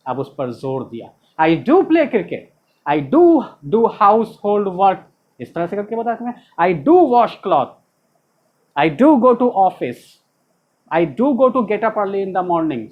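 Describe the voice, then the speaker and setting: A man's voice: high voice, lo-fi sound. Patient male tutor drilling grammar rules. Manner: asks questions, then answers them himself. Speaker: English tutor. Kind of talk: classroom-style video lesson.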